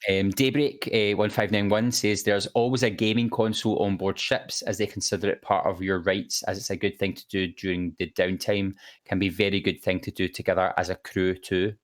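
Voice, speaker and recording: A man's voice: sits low, steady tone, fairly quick. A man co-hosting a casual podcast, reading viewer comments aloud with many fillers and restarts. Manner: hesitant, many fillers and repeated words. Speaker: co-host reading chat.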